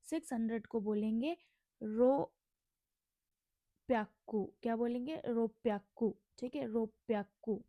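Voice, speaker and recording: A young Indian woman gives a relaxed language lesson, saying each word slowly and posing questions she then answers herself. Her voice is slightly high and warm, recorded with no room sound.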